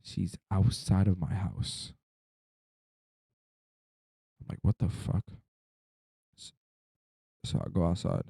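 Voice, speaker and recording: A man's voice: deep voice, big pitch swings, slow, gravelly, pauses often, mellow, husky, no echo. A young man, sleep-deprived and drowsy, rambling casually through a personal story in loose slang with some swearing.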